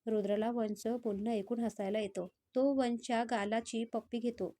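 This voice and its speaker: A woman storyteller reading a romantic story in a steady, scripted narration. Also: fairly high pitch, normal speed.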